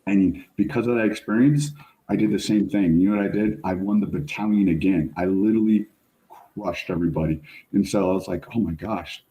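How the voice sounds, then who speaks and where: Middle-aged male guest, storyteller, slangy and animated, warm dark tone, roomy sound. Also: deep voice, a little fast. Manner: animated, slangy, says "like" and "bro" often. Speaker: guest, fire service chief officer. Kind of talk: casual storytelling in podcast interview. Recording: roomy echo.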